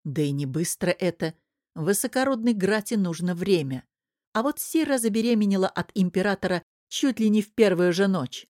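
A woman narrating an audiobook in an even, measured storytelling manner. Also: medium pitch, no room sound, studio quality. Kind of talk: scripted narration.

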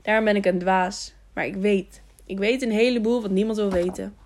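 A woman's voice: mid-range voice, fairly even intonation, normal speed, darkish tone, slight background noise, natural voice. A woman voicing a lonely, simple-minded young man who asks childlike, repetitive questions. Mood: eager.

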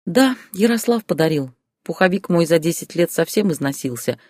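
A man voicing a calm young divorced mother in an audiobook story. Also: on the high side, normal speed, dry recording, studio quality, voice pushed up. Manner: calm, quiet.

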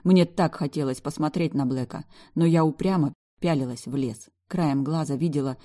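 A woman's voice: deep voice, moderate pace, warm tone. A woman reading a first-person novel aloud with wry, emotional storytelling. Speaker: audiobook narrator.

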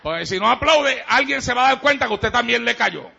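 A man pastor with a Puerto Rican accent, preaching in an emphatic, joking way with sudden shouts. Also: extremely high pitch, lively intonation, brisk, gravelly, breathy edge. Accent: Puerto Rican Spanish. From Puerto Rico. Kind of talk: sermon. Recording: dull lo-fi sermon recording.

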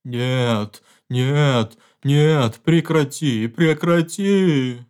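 A man's voice: medium pitch, normal speed, lightly acted. A man reading an audiobook voices a frightened husband who calls out anxiously and cries out in terror. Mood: terrified. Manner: calls out anxiously, then screams and sobs. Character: frightened middle-aged husband, pleading and terrified.

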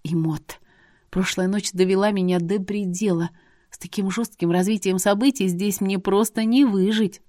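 A woman narrating a first-person audiobook in a steady, even storytelling manner. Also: mid-range voice, normal speed, no room sound, studio quality.

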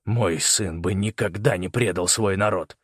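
A man voicing a cruel middle-aged soldier lieutenant who makes cold, sneering threats in a hoarse, rasping voice. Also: low voice, measured pace, no room sound, studio quality. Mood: gruff. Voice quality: hoarse rasp.

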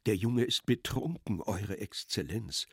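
A man voicing an anxious, timid bridegroom who murmurs in a hushed voice. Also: on the low side, expressive, a little slow, vocal fry, slightly rough, dry recording, clean studio sound, exaggerated voice.

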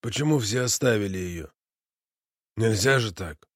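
A man's voice: mid-range voice, moderate pace, no room sound, studio quality, close to an everyday voice. Middle-aged man, choked and theatrical, despairing, read by a male narrator. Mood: agitated.

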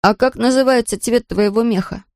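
A woman's voice: fairly high pitch, normal speed, darkish tone, no echo, clean studio sound, pitched above the performer's own voice, close to an everyday voice. Proud grumbling fox cub, voiced by a woman. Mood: puzzled. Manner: gruff grumbling. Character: young fox cub boy, proud and touchy.

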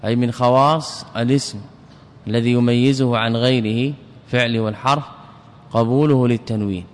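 A man's voice: medium pitch, fairly even intonation, moderate pace. Methodical male grammar teacher, reverberant hall. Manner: methodical, repeats key terms. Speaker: Islamic scholar teaching Arabic grammar. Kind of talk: recorded classical lesson.

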